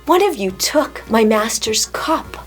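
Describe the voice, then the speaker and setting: A woman voicing a grave, powerful man who speaks to his brothers in a measured, solemn way. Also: on the high side, lively intonation, soft background music.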